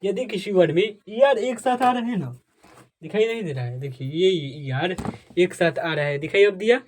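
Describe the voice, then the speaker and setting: High-voiced man teaching with repeated questions. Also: normal speed. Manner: asks and answers his own questions, repeats points; addresses viewers as dear friends, asks for comments. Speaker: English teacher. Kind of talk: Hindi tutorial on English pronunciation rules.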